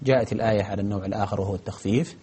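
Fast, husky man explaining grammar. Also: on the low side, steady tone, dark tone. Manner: methodical, step-by-step parsing with frequent hesitations. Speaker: grammar teacher answering viewer questions. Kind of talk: broadcast Arabic grammar lesson.

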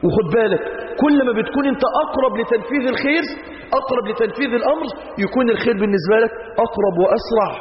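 A man's voice: very high-pitched, racing, a little hiss or hum. A man preaching a sermon with an Egyptian Arabic accent, emphatic, repeating phrases and asking rhetorical questions. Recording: echoey hall, dull lo-fi sound.

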